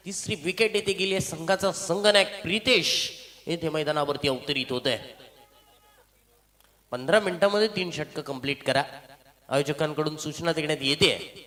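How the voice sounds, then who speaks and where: A man's voice: fairly high pitch, fairly bright tone, in a large hall. A man giving live local cricket commentary in an announcer-like way, repeating phrases and mixing in English terms.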